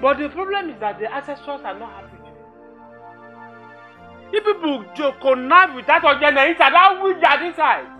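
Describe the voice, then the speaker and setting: An actor playing an older uncle with a Nigerian accent who speaks in an accusing, suspicious way in a film drama. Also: male voice, very high-pitched, animated, moderate pace, muffled recording, faint music behind. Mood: aggrieved. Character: stern older uncle steeped in tradition.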